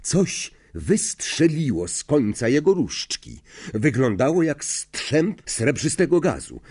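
A man narrating a storybook, expressive and animated, with small slips. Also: medium pitch, slow pace, slightly rough. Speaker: audiobook reader.

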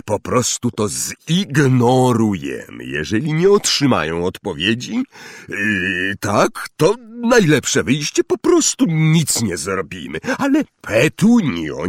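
A man's voice: medium pitch, huge pitch swings, slow, no echo, clean studio sound, full character voice. A man reading an audiobook voices a blustering, bullying middle-aged uncle who barks and snaps. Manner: gruff, barking and snapping.

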